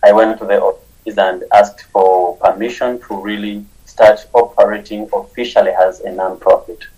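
Soft-spoken young man. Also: lowish voice, steady tone, highs cut off. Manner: sincere, halting, repeats words often. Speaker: nonprofit founder, interview guest. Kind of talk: conversational interview.

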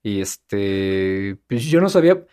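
A man's voice: on the low side, big pitch swings, slow pace, warm tone, smooth. A young man with a Mexican Spanish accent telling stories in a casual chat and animatedly mimicking other people.

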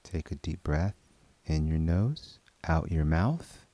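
Very deep, slow, hushed man. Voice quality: soft, hushed, drifting into whispers. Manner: slow, calm, repetitive chant-like phrasing. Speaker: meditation guide. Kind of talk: guided prayer meditation.

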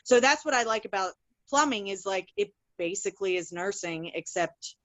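A woman plumber talking casually in a podcast conversation, chatty and rambling, full of fillers and restarts, and animated when she tells stories. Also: mid-range voice, moderate pace, dry recording, rough recording. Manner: animated, laughs while telling stories. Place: works in Philadelphia.

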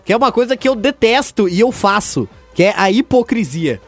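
A man's voice: high voice, brisk, no echo, soft background music. A man, co-hosting a radio talk show in casual, chatty conversation. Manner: animated, chatty, lively.

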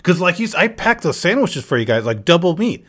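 Easygoing man with a higher voice. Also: sing-song, a little fast, a bit bright. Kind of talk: casual chat.

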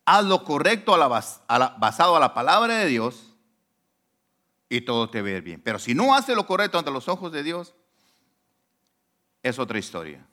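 A man preaching a sermon as a pastor, conversational and animated, often asking rhetorical questions. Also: fairly high pitch, moderate pace, pauses often.

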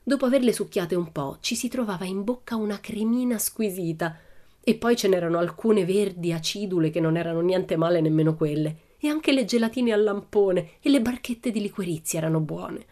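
A woman narrating a children's audiobook in a steady, expressive storytelling manner. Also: medium pitch, fairly quick.

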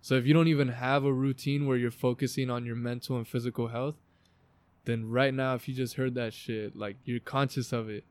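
Man, American accent, mid-pitched, podcast host, informal motivational talk, emphatic swearing, backyard. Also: flat delivery, brisk, clear, resonant tone. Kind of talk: casual motivational podcast chat. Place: outdoors in a backyard.

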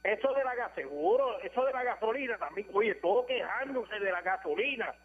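A man's voice: high-pitched, expressive, fairly quick, husky. A man with a Puerto Rican accent calling in to a radio show, ranting insistently about his opinions. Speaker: radio caller. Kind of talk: phone-in opinion. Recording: tinny phone line.

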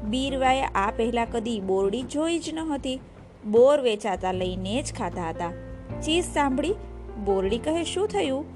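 A woman tells a children's story in a warm, expressive, sing-song way. Her voice sits high. Soft music plays faintly under her narration. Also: measured pace.

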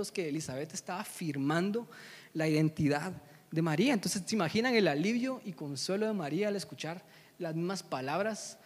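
A man preaching a conversational sermon, often checking in with the congregation. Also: fairly high pitch. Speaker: pastor. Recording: long hall reverb.

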